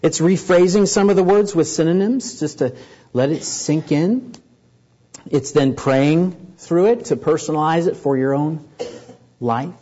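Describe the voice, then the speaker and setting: A man preaching a sermon to a congregation, earnest and building up in pitch and volume to stress his points. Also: measured pace, warm tone, slightly rough, highs cut off. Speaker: pastor.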